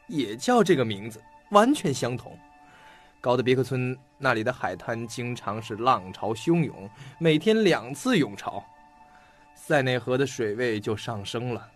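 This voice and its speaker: A male actor with a mid-range voice plays a shrewd, talkative, self-assured detective in an audio mystery drama. He lays out a case with theatrical storytelling flair, sounding curious and teasing.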